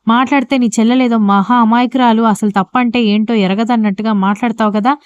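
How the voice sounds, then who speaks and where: A woman's voice: a little high, fairly even intonation, quick pace, clear, resonant tone, dry recording, dull audio, close to an everyday voice. A woman reading an accusing scheming sister-in-law. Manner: accusing, dramatic.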